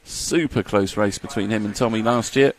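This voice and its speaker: A man's voice: lowish voice, normal speed, a little hiss or hum. A man doing live race commentary, chatty and jokey as he reads out lap times.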